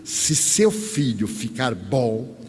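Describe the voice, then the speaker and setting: A man's voice: medium pitch, very animated, takes it slowly, darkish tone, slightly rough, big-room sound, pitched below the performer's own voice, heavily acted. A man with a Bahian accent voicing an irritated, stubborn male psychiatrist in a retelling, speaking in an indignant, retorting way. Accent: Bahian Portuguese.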